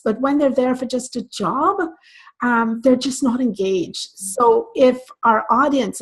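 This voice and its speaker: A woman's voice: a little high, creaky, breathy edge. An older woman from Barbados, a guest coach speaking earnestly and passionately in an online interview, often restarting her sentences. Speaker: guest, optometry practice coach.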